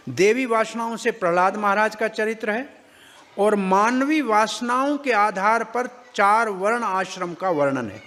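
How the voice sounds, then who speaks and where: A man giving a devotional scripture discourse, telling the story with animated acting of characters and joking asides. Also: high-pitched, long reverb tail.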